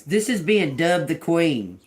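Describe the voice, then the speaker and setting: A woman's voice: low-pitched, big pitch swings, takes it slowly. A woman in her fifties doing a tarot reading for viewers in an emphatic, chatty way, calling them y'all. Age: 50s. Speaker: tarot reader.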